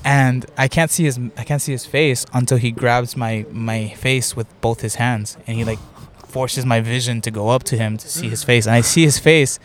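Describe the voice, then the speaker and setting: A man's voice: medium pitch, fairly even intonation, moderate pace, few pauses. A young man hosting a podcast, casually telling a long story, swearing a lot and filling his talk with "like". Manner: rambling, swears often, many "like" fillers. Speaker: podcast host.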